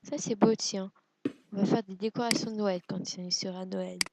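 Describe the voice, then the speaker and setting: A woman's voice: medium pitch, steady tone, moderate pace, background noise. A woman giving casual gameplay commentary, hesitant and self-deprecating, musing aloud with lots of fillers. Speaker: let's play gamer.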